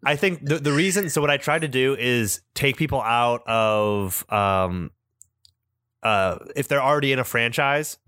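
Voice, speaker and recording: A man's voice: mid-range voice, unhurried, a bit bright, clean tone, dry recording, studio quality. A young man co-hosting a casual chat, rambling a little and laughing often. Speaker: podcast co-host.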